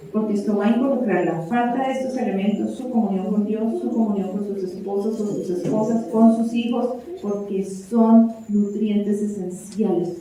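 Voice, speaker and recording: A woman giving a church teaching to a congregation, speaking with animation and asking the listeners rhetorical questions. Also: mid-range voice. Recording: echoey hall from far off, faint noise.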